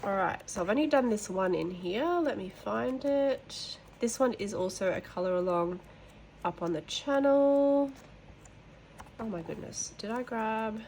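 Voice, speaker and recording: A woman's voice: a little high, vocal fry, a little hiss or hum. Nasal-voiced woman chatting casually. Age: adult, mother of boys. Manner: chatty, rambling, apologetic asides. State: nasal from hay fever. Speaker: colouring channel host. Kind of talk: casual show-and-tell chat. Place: at home.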